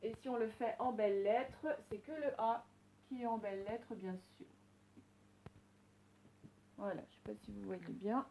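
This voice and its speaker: A woman teacher recording a reading lesson for young children, slowly sounding out words and giving gentle instructions. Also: mid-range voice, steady tone, creaky, a little hiss or hum, rough recording. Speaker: primary school teacher.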